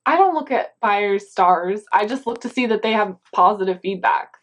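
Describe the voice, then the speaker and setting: A chatty young woman answers viewer questions in an easygoing, conversational way. She explains as she goes, sprinkling in frequent yeahs and ums, at a middle pitch. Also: lively intonation, moderate pace. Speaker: co-host of a reselling channel.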